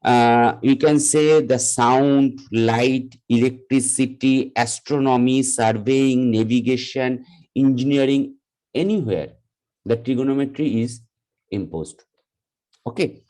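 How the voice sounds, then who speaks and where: A man teaching a live class, explaining slowly and deliberately, often repeating himself. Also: mid-range voice, dark tone, poor audio. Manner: slow, deliberate explaining with repetition. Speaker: lecturer.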